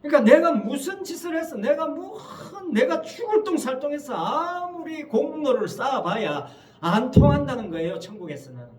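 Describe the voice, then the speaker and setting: A man's voice: very high-pitched, big pitch swings, moderate pace. A male pastor preaching a Sunday sermon in a church, emphatic and full of rhetorical questions to the congregation. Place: church sanctuary. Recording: echoey church hall, mic at a distance.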